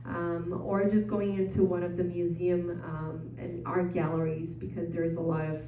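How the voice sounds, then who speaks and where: A native Portuguese speaker with a Brazilian accent chats through a casual travel presentation before an audience in a meeting room, often saying um and uh and joking at her own expense. Her low-leaning voice holds a level tone at a moderate pace. Captured from far away, the echoey room sounds dull, with a little hiss or hum.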